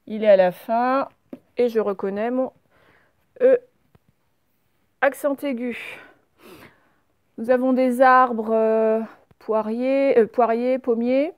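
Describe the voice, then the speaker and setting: A middle-aged woman, a primary school teacher giving a slow, patient spelling lesson with many fillers. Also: on the high side, fairly even intonation, smooth, no room sound, lo-fi sound. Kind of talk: recorded spelling lesson for young pupils.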